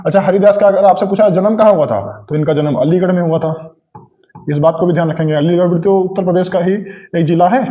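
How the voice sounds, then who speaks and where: A man's voice: fairly high pitch, highs cut off. A male coaching teacher lecturing his class, asking questions and answering them himself, repeating key points over and over. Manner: repetitive, asks and answers own questions. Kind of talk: classroom lecture with memory tricks.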